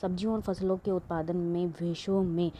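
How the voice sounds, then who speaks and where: A woman's voice: on the low side, steady tone, normal speed, dark tone, slight background noise. A woman teaching an exam-prep lesson, reading questions aloud and explaining them with many fillers and restarts.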